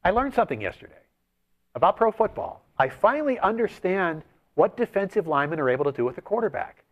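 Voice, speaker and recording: A man co-hosting a sports betting show walks through his analysis step by step, building his argument in an explanatory way. He has a high, sing-song voice and talks fast. The sound is lo-fi.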